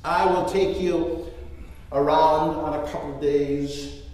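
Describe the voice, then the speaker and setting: A man in his fifties, a pastor telling a story sermon in the first person, with dramatic swings in loudness. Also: fairly high pitch, steady tone, takes it slowly. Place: large church. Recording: echoey church hall from far off.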